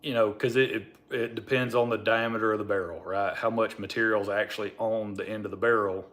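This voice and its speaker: Man, fairly low pitch, mumbled marbles-in-mouth diction, rambling, informal livestream chat. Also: steady tone, fairly quick, fairly bright tone. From Alabama, United States. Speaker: livestream host.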